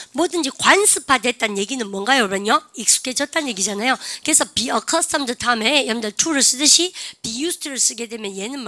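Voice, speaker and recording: Woman, grammar teacher, quizzing students, higher pitch, dry close sound. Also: bright, forceful tone, dry recording. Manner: quizzing, call-and-response questions to students; models English example sentences slowly. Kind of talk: classroom grammar lecture.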